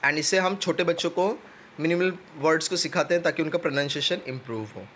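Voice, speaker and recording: A man teaching an exam-prep lecture, explaining step by step and reading definitions out slowly. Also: a little high, fairly bright tone, a little hiss or hum.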